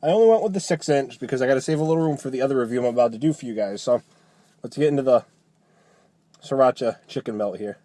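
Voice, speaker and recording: A man's voice: medium pitch, fast, warm tone, dry recording. A man giving a casual, chatty food review, talking loosely and often rephrasing as he goes.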